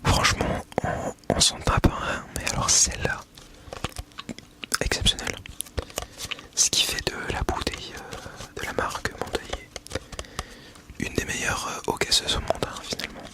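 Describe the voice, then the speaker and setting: A man's voice: measured pace, long pauses. A man whispering breathily in a casual ASMR style, chatting about products with a tongue-in-cheek, mock-solemn manner into a small wireless mic. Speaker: ASMR video creator. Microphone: small clip-on wireless mic being tested.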